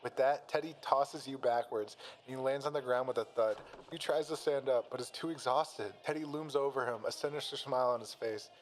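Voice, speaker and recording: A man's voice: medium pitch, brisk, hardly any pauses, rough recording. A man reading a fan-written fight story aloud and breaking off to comment. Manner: reads plainly, breaks off to laugh and comment. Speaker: story reader and reactor.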